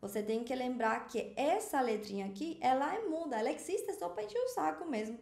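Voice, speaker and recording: A woman teaching Spanish pronunciation in a chatty, animated way, often checking in with the learner. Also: sits high, fairly quick, vocal fry, roomy sound. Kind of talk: video language lesson.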